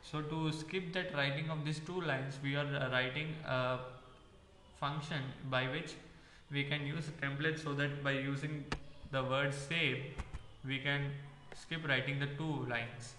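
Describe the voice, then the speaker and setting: A man's voice: medium pitch, fairly even intonation, pushed and bright, slight background noise. Hesitant man teaching code, echoey room. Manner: halting, with many "uh" fillers while explaining. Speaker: coding instructor. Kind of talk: screen-recorded coding tutorial. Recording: echoey room with long reverb.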